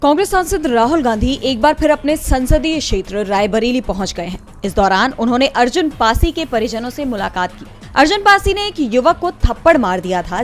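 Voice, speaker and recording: A woman with a high-pitched voice delivers a scripted news report as a reporter's voice-over, while music plays faintly beneath her.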